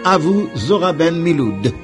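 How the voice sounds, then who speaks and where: Male anchor, formal script, animated intonation over music. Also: fairly high pitch, unhurried. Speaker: news presenter. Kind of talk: scripted news read.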